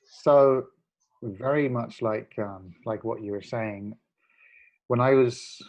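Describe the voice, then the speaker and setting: Speaking slowly in a mid-range, darkish voice, this guest in his forties shares his story over a video call during a casual chat. He is earnest and reflective, full of fillers and restarts, and the recording is rough.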